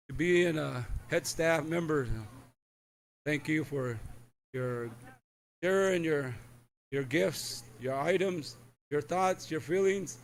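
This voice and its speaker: Halting middle-aged man speaking over event noise. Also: on the high side, vocal fry. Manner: halting, repetitive, with frequent "you know". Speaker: powwow speaker calling up honorees. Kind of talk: ceremonial thank-you speech. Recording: noisy live event with ambient sound.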